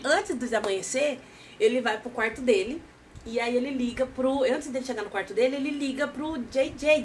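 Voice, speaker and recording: A woman with a Brazilian Portuguese accent, recapping a series in a casual, animated storytelling way. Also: on the high side, a little hiss or hum. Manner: animated storytelling, acting out characters' lines.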